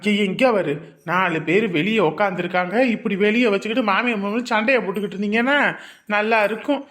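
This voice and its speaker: A woman's voice: mid-range voice, fast talker, fairly bright tone, voice pushed down, close to an everyday voice. A woman voicing a meek, put-upon young village husband in a comedy skit. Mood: placating.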